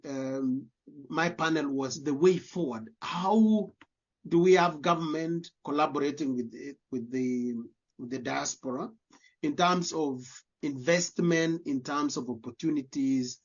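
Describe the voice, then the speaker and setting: Slowly and in a slightly high voice, a Kenyan man answers an interviewer's questions as a guest and diaspora community leader. Speaking with a Kenyan accent, he earnestly repeats words while searching for phrasing, over dull lo-fi audio.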